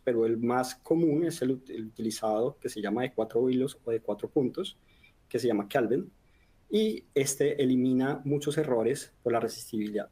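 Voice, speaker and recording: A man's voice: medium pitch, warm tone, husky. A man from Colombia, giving a technical webinar lecture in an explanatory way, lifting his voice on questions. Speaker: technical presenter.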